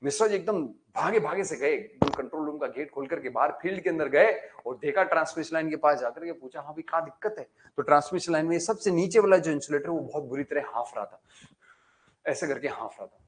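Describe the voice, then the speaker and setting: A male lecturer on power transmission tells an animated, colloquial story to his class. His voice sits a little above the usual male pitch, and he keeps the telling brisk and vivid. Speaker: engineering lecturer.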